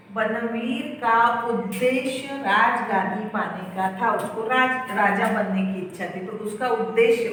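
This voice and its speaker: A woman's voice: on the high side, a bit bright, slight background noise. A woman teacher patiently explaining how to write and pronounce letters, step by step, in a lesson. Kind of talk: Hindi grammar lesson. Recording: echoey room, far from the mic.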